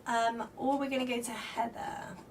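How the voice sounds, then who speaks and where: Chatting with viewers by name and reading their comments aloud, this livestream tarot reader draws spirit cards and gives flowing spiritual guidance. Her slightly croaky voice is a little high, her delivery flat and moderately paced. The mic is slightly distant, with faint background noise.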